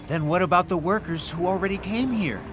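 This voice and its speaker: In this audio drama, a young adult man with a high, slightly quick voice gives a lightly acted performance over background music. He plays an earnest, loyal young American raised in China who is searching for a lost friend, and his delivery moves from earnest emotion up to pleading.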